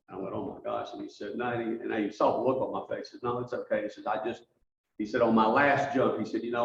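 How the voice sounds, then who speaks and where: A man giving a halting presentation at a club meeting, telling stories as he goes through slides. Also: mid-range voice, a little hiss or hum. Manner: halting, restarts often, storytelling. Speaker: guest speaker for a charity. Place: meeting room. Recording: roomy, distant, dull mic.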